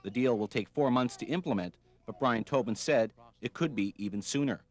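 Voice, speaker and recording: A male TV news reporter narrates a scripted report. His voice sits at a middle pitch for a man. The delivery is that of a prepared news piece, read in full sentences. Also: a little fast.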